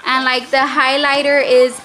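A woman's voice: high voice, flat delivery, measured pace, bright, forceful tone, a little hiss or hum. A young adult woman chatting casually to camera as a family vlogger, recorded on a phone held at arm's length. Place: home living room, later inside a car at night.

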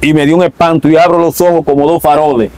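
A man's voice: a little high, fairly even intonation, fast talker, darkish tone, a little hiss or hum, poor audio. A man with a Dominican accent telling a religious testimony as an interviewee, acting out the dialogue he recalls. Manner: vivid storyteller, acts out both sides of a conversation.

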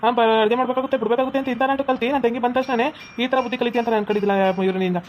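A woman's voice: fairly high pitch, fairly even intonation, racing, muffled recording, slight background noise, lightly acted. A woman voicing a bossy young husband and brother who scolds his wife, with a North Karnataka Kannada accent. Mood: scolding.

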